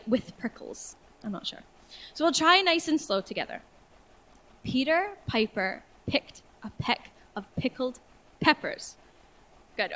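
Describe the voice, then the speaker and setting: A cheerful woman teaches a vocal warm-up, coaxing her class along with encouragement. Her voice sits a touch high, and she slows right down to spell out each phrase clearly. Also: rough recording. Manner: encouraging, cheerful, speaks slowly and clearly when demonstrating. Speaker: singing tutor. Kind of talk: guided vocal warm-up lesson.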